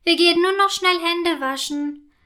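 A woman voicing an excitable young girl who talks eagerly and stammers when caught out. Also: sits high, unhurried. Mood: excited.

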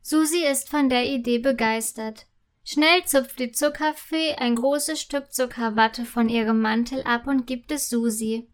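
A woman narrating a children's story in a gentle, clear reading voice. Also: fairly high pitch, a little slow.

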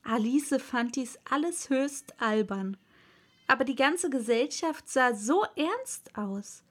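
A woman narrating a children's storybook in a calm, clearly articulated reading. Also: sits high, takes it slowly. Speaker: audiobook reader.

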